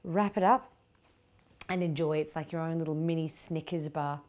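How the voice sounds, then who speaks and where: A woman's voice: sits low, normal speed, darkish tone. A middle-aged Australian woman hosting a cooking show, chatty and upbeat, explaining each step of a kitchen demonstration on a lapel mic. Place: home kitchen studio.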